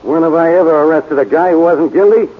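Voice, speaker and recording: An actor playing a gruff, blunt, exasperated American police inspector in 1940s radio drama style. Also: male voice, a little high, brisk, lightly acted. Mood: stubborn. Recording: tinny, noisy 1940s radio recording.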